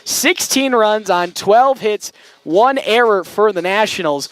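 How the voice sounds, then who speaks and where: A male radio sports broadcaster with a very high voice talks through a post-game wrap-up from a tent at an outdoor ballfield. He is excited and out of breath, and he laughs often as he goes. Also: slow pace, smooth, no echo. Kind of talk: live post-game commentary.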